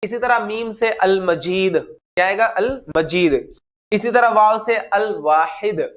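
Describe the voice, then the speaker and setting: Man teaching a grammar lesson, high voice. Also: a bit bright. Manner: asks questions then answers them himself; slows down to spell out example words. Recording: noisy recording.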